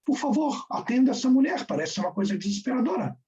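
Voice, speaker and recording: A man's voice: very high-pitched, sing-song, fast, warm tone, a little hiss or hum, pitched above the performer's own voice. A man voicing a famous medieval rabbi in a retold story, speaking politely and earnestly. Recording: distant, dull recording.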